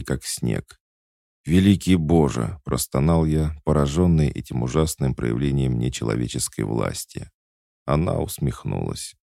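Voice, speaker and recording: Audiobook narrator: man, very deep, gravelly, lively intonation, dry close sound. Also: no echo. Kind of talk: scripted first-person narration.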